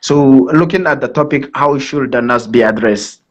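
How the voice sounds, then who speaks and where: Through dull, lo-fi online call audio, a man from Nigeria with a Nigerian accent gives a formal guest presentation on a live talk, stressing points by repeating them. His voice is mid-range and his speed normal.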